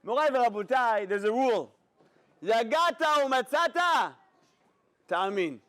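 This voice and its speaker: A man giving a sermon as a rabbi, an animated storyteller who talks straight to his audience. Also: very high-pitched, unhurried. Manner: animated storyteller, acts out dialogue, addresses audience directly.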